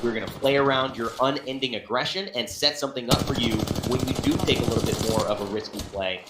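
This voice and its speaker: A man's voice: mid-range voice, fast. Man casting esports, roomy noisy audio. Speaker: esports caster. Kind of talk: analytical live esports commentary.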